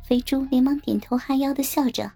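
A woman narrating an erotic story in a soft, slow, intimate reading voice. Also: high-pitched, fairly even intonation, gravelly. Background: faint music.

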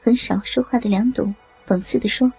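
A woman narrating a story in a steady, even storytelling voice. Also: on the high side, normal speed, breathy edge, soft background music, low-quality recording. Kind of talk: audio erotic story narration.

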